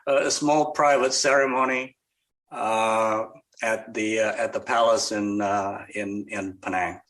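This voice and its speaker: An older man from Malaysia answering interview questions conversationally, haltingly, often repeating words as he goes. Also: lowish voice, fairly even intonation, fairly bright tone, low-quality recording. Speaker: podcast guest, investor.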